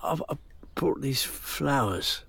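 An actor playing an awkward, hesitant visitor making stammering small talk in an audio drama. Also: male voice, mid-range voice, lively intonation, takes it slowly, creaky, pushed and bright, husky, full character voice. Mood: nervous, polite. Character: awkward, hesitant visiting man bringing flowers.

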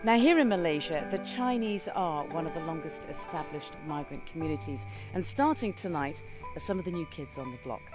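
Woman, reporter, radio travel report, measured, descriptive, low-ish voice, music under. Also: expressive. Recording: music playing behind.

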